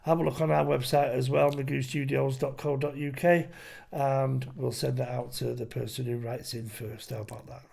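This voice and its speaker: A man's voice: mid-range voice, level tone, normal speed, vocal fry. A man in his late fifties hosting a casual podcast interview, encouraging and calling his guest "mate". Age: 50s. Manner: warm, encouraging, frequent "yeah", calls guest "mate". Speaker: podcast host.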